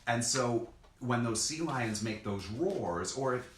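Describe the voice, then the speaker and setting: A man's voice: mid-range voice, expressive, takes it slowly, fairly bright tone. A man co-hosting a children's lesson as a zoologist, explaining things casually and simply in short pieces. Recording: echoey room, background noise.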